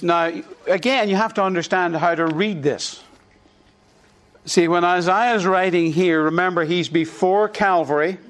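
A middle-aged Irish pastor preaches in a fairly bright tone, his voice pitched a touch high for a man. Leading call-and-response, he repeats short lines with emphasis so the congregation can echo them.

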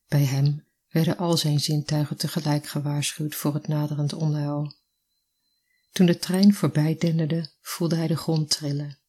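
Husky, calm storybook narrator. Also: medium pitch. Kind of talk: scripted narration of a literary story.

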